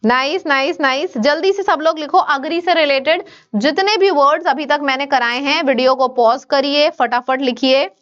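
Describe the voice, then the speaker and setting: A woman with an Indian accent teaching an online exam-prep vocabulary lesson, brisk and coaxing, switching between Hindi and English. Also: high-pitched, fairly bright tone, muffled recording.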